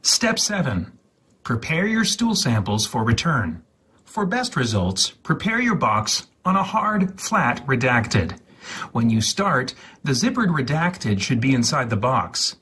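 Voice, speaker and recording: A male host's mid-range voice is husky and breathy, with a sharp tone and sing-song rise and fall. He delivers step-by-step instructions slowly and dramatically, over-pronouncing each word.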